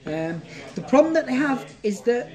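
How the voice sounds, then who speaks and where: A woman's voice: a little high, very animated, moderate pace, darkish tone. A woman from England, playing a tabletop wrestling game and doing mock ringside announcing with dry, teasing asides. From northeast England.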